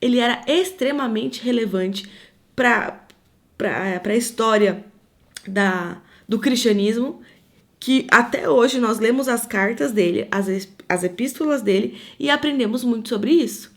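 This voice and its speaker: A woman's voice: a little high, measured pace. A woman leading a live devotional for women, teaching in an earnest, conversational way and weaving in personal stories.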